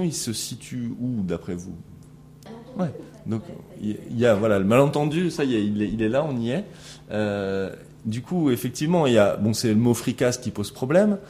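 A middle-aged man teaching a class breaks down a recorded interaction, reasoning out loud with frequent fillers and restarts and putting questions to his students. His lowish, mellow voice comes with a little hiss or hum in the recording.

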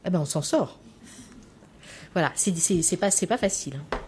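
A woman's voice: lowish voice, expressive, moderate pace, darkish tone, a little hiss or hum. A woman lecturing on how children learn to talk, in a chatty way that keeps coming back to "hein" and "voilà". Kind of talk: spoken lecture with anecdotes.

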